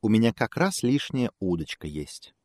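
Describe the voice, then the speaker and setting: A man's voice: fairly low pitch, big pitch swings, normal speed, a little mellow, no room sound, studio quality, pitched above the performer's own voice. A man voicing a friendly male cat in a fairy tale, easygoing and polite.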